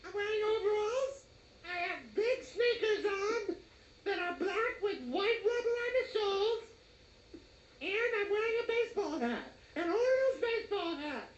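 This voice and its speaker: A man voicing a simple-minded, childlike 48-year-old man who talks in a high, innocent, eager way. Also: animated, normal speed, echoey room, highs cut off. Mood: nervous, eager.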